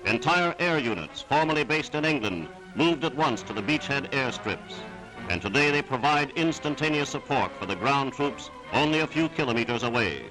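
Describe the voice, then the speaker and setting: Man, mid-pitched, old newsreel narrator, declamatory and emphatic, under loud music. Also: expressive, normal speed, rough recording. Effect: old newsreel recording.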